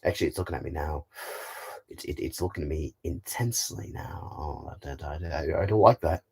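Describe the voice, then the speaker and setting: A man playing a nervous spaceman hero, stammering in a low, halting voice as he explores a strange planet. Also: gravelly, a little mellow, breathy edge, full character voice. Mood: uneasy.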